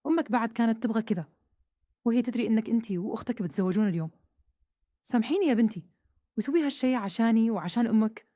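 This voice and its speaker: A grieving poor father, as a woman narrator reads him, pleads in a slow, broken voice. The tone is dark and mellow, and the recording is close and dry. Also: fairly high pitch, lively intonation, no echo, close to an everyday voice. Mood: sorrowful. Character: poor heartbroken father, older man, gentle.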